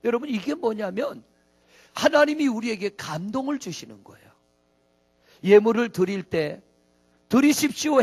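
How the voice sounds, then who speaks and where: A middle-aged man preaching a sermon as pastor, folksy, asking the congregation questions. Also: sits high.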